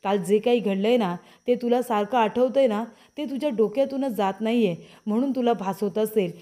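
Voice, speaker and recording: A young husband from a TV serial coaxes his wife to calm down, as a woman narrator voices him. The voice is a little high and warm. He repeats his pleas in a soothing way. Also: a little fast, lightly acted.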